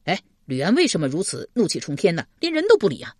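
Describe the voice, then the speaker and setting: A woman's voice: lowish voice, huge pitch swings, fast talker, no echo, studio quality. A woman voicing an easygoing male scholar who talks in a breezy, teasing way. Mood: puzzled, brisk.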